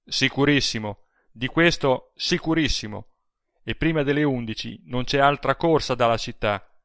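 A man reading an audiobook, voicing a burly, brooding man who speaks in a rough, tense tone. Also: mid-range voice, normal speed, no echo, lightly acted. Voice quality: rough, dark tone.

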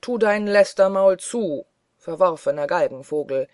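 Brief: enraged fanatical bishop bellowing threats, put on by an audiobook reader; loud, furious, mid pitch. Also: lively intonation, measured pace, dry recording, clean studio sound, lightly acted. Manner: shouting, furious. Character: raging, fanatical male bishop. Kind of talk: audiobook character voice.

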